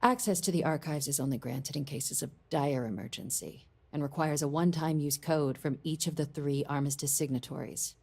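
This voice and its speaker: A woman's voice: low voice, fairly quick, creaky, few pauses, a little mellow, slightly rough, heavily acted. An actress voicing a composed female deputy diplomat in a video game, briefing in a formal tone.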